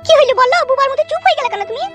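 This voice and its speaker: A woman doing a squeaky, pestering young wife. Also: racing, a bit bright, soft background music. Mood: impatient. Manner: pestering, insistent questions. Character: pushy young village wife.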